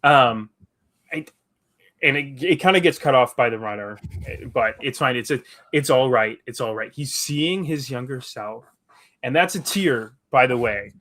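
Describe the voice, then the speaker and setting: Rambling, animated male podcast host. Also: mid-range voice, a little slow. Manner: animated, rambling with restarts, acts out quotes. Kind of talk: casual recap chat.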